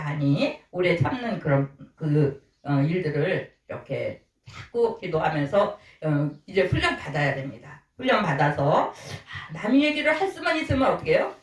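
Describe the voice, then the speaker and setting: Woman preaching in an echoey church. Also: mid-range voice. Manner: conversational preaching with rhetorical questions and acted-out quotes. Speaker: pastor. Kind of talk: sermon. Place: small church sanctuary. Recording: echoey church hall, distant mic.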